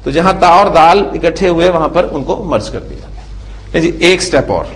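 A man giving a classroom Arabic grammar lecture. He drills word forms slowly, syllable by syllable, and keeps asking the class checking questions. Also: a little high, expressive, low-quality recording.

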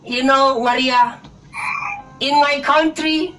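Squeaky, flirty ventriloquist dummy. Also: male voice, steady tone, slow, sharp tone, heavily acted. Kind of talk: comic flirting on video chat. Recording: distant webcam mic, music behind.

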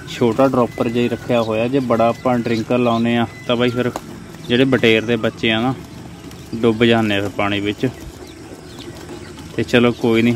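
Filming a casual vlog on his phone, a young Indian farm vlogger with a Punjabi accent shows viewers around the sheds and yard of a poultry farm, talking to them like friends. His pitch is medium. Chickens cluck and birds call throughout, so the recording is noisy.

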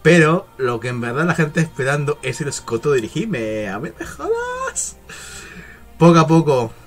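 A young man from reacts to anime in an emotional, exclamatory way, swinging between cries and murmurs. His voice sits a little high. Faint music plays in the background. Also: brisk. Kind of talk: excited reaction commentary.

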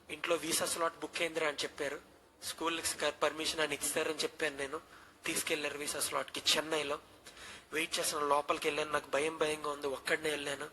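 Young pastor telling a testimony, higher voice. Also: male voice, pushed and bright, a little hiss or hum, poor audio. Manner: earnest storytelling, slips into English phrases. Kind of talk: personal testimony storytelling.

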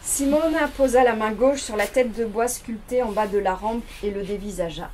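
A woman reading extracts of a novel aloud in a measured way at a bookshop event. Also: fairly high pitch, darkish tone, a little hiss or hum. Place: bookshop reading before an audience.

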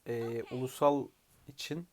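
A hoarse man from Turkey giving chatty live commentary while playing a mobile game, now and then bursting into excited shouts. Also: mid-range voice, measured pace. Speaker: mobile game player and video creator.

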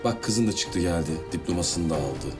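A man's voice: low voice, lively intonation, normal speed, over music. An actor playing a respectful young man who reassures an ailing older man. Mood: reassuring. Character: young man, devoted nephew figure, warm and respectful. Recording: TV drama with loud score underneath.

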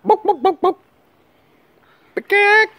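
A man's voice: very high voice, expressive, slow, pushed and bright, pitched above the performer's own voice, exaggerated voice. A man imitating a clucking chicken in repetitive, mocking squawks to tease someone as cowardly.

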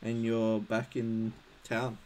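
A man running a tabletop game as game master, narrating casually and hesitantly, pausing as he goes. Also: lowish voice, monotone, warm tone, slight background noise, low-quality recording.

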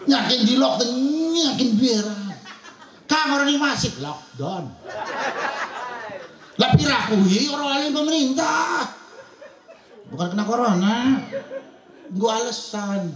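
Comic preacher with a Serang Javanese accent; high, jokey man, miked over echoing speakers at a wedding. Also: lively intonation, takes it slowly, pauses often, a bit bright. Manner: jokey, laughing, acts out villagers. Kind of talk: comic sermon. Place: wedding gathering. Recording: echoey event sound system.

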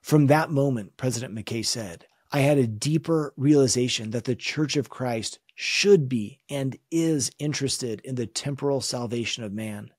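A man delivers a scripture lesson in an earnest, measured and reflective manner. His voice has a husky edge at a middle pitch. The sound is dry and close, with no room around it. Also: a little mellow, no echo. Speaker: religion teacher.

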